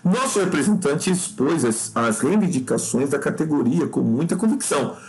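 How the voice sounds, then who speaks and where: A Brazilian man walks through exam questions in a lively teaching voice, his pitch leaping up whenever he hammers home a point. He keeps checking in with the listener and calls them buddy, sounding like a tutor working through a test. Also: moderate pace. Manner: explanatory, peppered with "tá?" check-ins and addressing the listener as "cara"; lively pitch jumps when stressing points. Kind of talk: exam review lesson.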